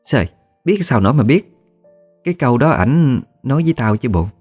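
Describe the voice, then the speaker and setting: A man's voice: mid-range voice, expressive, moderate pace, a little mellow, breathy edge, dry recording, faint music behind, pitched above the performer's own voice. Man voicing an old woman ghost, Southern Vietnamese accent, blunt, folksy, teasing. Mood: gruff.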